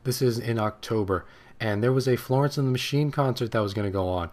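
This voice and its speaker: A young man in his late teens, a gaming channel host, telling a long personal story over gameplay in a rambling, excitable way. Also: mid-range voice, quick pace.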